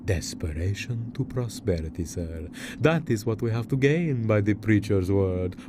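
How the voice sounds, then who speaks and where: A man's voice: lowish voice, animated, a little slow, very noisy. A man playing a frail, nervous old barber in a Western video game, obsequious and hesitant with muttered hums. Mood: reverent, suspicious. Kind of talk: video game character acting.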